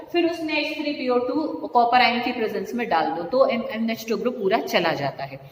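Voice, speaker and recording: A woman's voice: a little high, a bit bright. A woman chemistry teacher giving a lecture, explaining step by step and checking in her students. She speaks in. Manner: explains step by step, checks in with frequent "okay" and "see, dear". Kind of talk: classroom lecture. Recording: echoey room with long reverb, faint noise.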